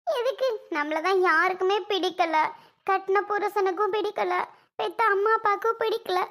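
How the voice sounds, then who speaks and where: A woman voicing a distraught young village wife in a cartoon, with a southern Tamil accent and a slow, self-pitying lament. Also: very high-pitched, fairly bright tone. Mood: despairing. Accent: southern Tamil (Kanyakumari-Tirunelveli). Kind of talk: cartoon voice acting.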